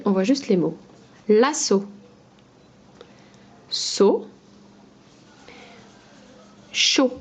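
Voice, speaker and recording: A woman's voice: medium pitch, husky. A woman schoolteacher giving a phonology lesson to young children, carefully sounding out each syllable. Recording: dull lo-fi recording.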